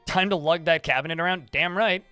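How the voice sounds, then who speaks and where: A man talks his way through a game on a live stream, rambling to his chat in an even tone that some listeners take for irritation. His voice is bright and forceful and sits a little high, and faint game music plays underneath. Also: a little fast, clear, resonant tone. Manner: talks in a flat tone that some hear as annoyed; chatty, rambling asides to chat. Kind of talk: live-stream gameplay commentary.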